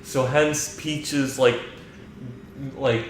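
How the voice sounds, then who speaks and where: A man's voice: mid-range voice, steady tone, drawn-out words. A young man giving rambling, crude, filler-heavy commentary while playing a game. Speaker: let's play commentator. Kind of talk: casual gaming commentary. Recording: very echoey room, faint noise.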